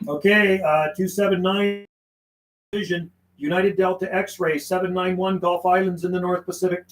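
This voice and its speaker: A man with a high, level voice chats casually and in slang on a livestream as a radio operator, dropping in call signs and phonetic codes at normal speed. The room sounds roomy, with clear background noise.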